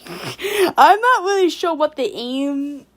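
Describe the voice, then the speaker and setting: High-voiced teasing woman co-streamer. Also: lively intonation, slow. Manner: teasing, laughs often. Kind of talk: casual stream chat.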